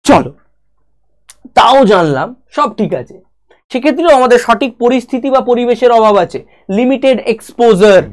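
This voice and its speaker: A woman's voice: fairly high pitch, animated, moderate pace, darkish tone. A woman with a Bengali accent giving a spoken English lesson, speaking straight to the viewer and going through learners' problems one by one. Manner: direct, talks to the viewer as "you", lists problems one by one.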